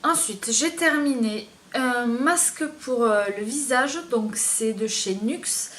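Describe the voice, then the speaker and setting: A woman's voice: a little high, slow, noisy background. A woman beauty vlogger reviewing her used-up products in a casual, hesitant way, with many fillers.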